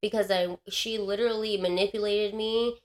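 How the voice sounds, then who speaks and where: A woman telling a story in casual podcast chat, animated and swearing, acting out the people in her story. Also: mid-range voice, normal speed. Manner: animated, swearing, acts out others in her retelling.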